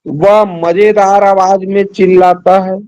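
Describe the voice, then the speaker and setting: Male teacher, middle-aged, slightly high voice, slow deliberate pace, patient explanations. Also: flat delivery, darkish tone, clean tone, dull audio. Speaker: Hindi teacher. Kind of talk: classroom lesson over a call.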